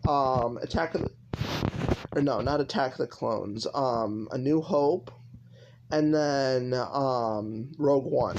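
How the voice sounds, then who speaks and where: Over background noise and with the highs cut off, a mid-range male voice delivers loose gameplay commentary. This young YouTuber keeps restarting sentences and leaning on fillers and "like" as he wanders from point to point.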